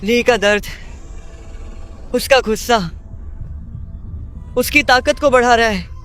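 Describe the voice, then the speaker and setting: A man playing an earnest, quick-witted young superhero in a dubbed video game cutscene. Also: very high-pitched, fairly bright tone, soft background music, exaggerated voice. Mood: serious.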